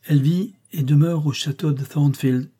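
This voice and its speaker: A man's voice: medium pitch, moderate pace, dark tone, lightly acted. A man voicing a pale, frightened, hesitant man in an audiobook reading. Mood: timid.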